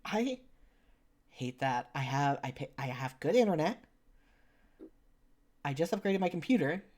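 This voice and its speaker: A woman with a low, lively voice chats casually and teases herself on a game stream with friends. Her desk mic over the voice call gives an uneven volume, and her audio keeps dropping in and out. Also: a little slow. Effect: uneven volume, audio cutting in and out. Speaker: streamer reading a visual novel aloud.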